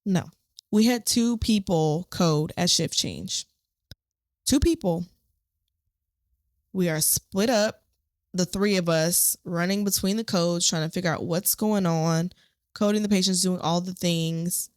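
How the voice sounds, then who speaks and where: A woman podcast host, a nurse, telling a story from a shift in a lively, animated way. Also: lowish voice, measured pace, no echo, clean studio sound. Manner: animated storytelling, acts out quotes.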